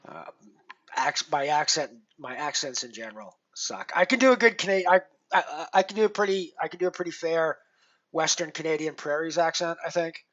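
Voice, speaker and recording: A poker streamer talks casually to the live chat at a mid-range pitch, rambling and restarting sentences as thoughts come. The stream audio sounds dull and lo-fi, with the top end muffled. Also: lively intonation, moderate pace, a bit bright. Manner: rambling, with many fillers and restarts, chatting to viewers.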